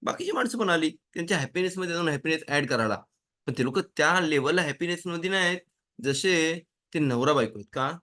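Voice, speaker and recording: A rabbi giving a casual Torah lesson, telling stories and acting out little dialogues in changing voices. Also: male voice, fairly high pitch, brisk. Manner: animated storytelling, acts out dialogues with changing voices. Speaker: rabbi teaching a Torah class.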